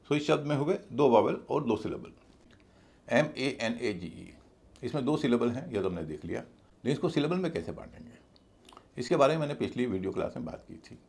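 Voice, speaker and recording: Gravelly-voiced teacher guy, slow and patient, spells out words letter by letter. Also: mid-range voice, darkish tone. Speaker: English teacher. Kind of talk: spoken lesson explaining pronunciation.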